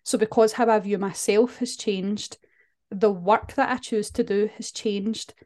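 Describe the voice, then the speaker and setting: A woman's voice: mid-range voice, steady tone, measured pace, darkish tone. A woman speaking as a podcast guest, earnest and candid, often restarting her sentences. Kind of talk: podcast conversation.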